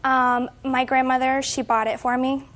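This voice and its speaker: Young female defendant, higher register, hesitant short courtroom answers. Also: little pitch movement, moderate pace, fairly bright tone. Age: 20s. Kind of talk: courtroom testimony.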